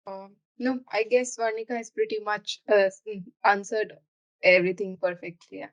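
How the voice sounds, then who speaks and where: Brief: woman co-presenter on a video call, mid-pitched, tentative, filler-laden answers. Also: moderate pace, lo-fi sound. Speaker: seminar co-presenter. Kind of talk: answering questions in a seminar.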